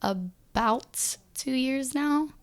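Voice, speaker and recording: A woman's voice: high-pitched, drawn-out words. A woman singer guesting on a podcast, talking casually with many "like" fillers and some swearing. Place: podcast studio.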